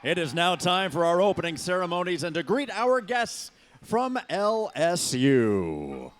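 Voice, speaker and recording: A man working as an arena PA announcer, introducing teams in a booming, drawn-out stadium style. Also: sing-song. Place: large indoor sports arena.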